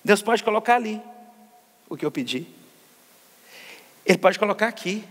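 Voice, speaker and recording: A man's voice: sits high, lively intonation, normal speed, in a large hall. A man preaching a sermon as pastor, asking the congregation questions and answering them himself. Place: church service.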